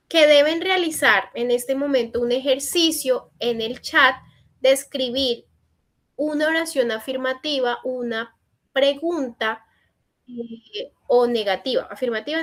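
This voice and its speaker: A woman teaching an online English class in Spanish, reading out student answers and gently correcting them. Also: high voice. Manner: encouraging corrections in a patient teacherly tone. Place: online session.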